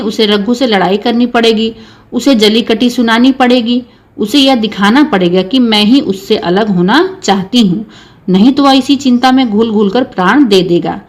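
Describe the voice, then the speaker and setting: A woman teacher reading a short story aloud in a steady storytelling way. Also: fairly high pitch.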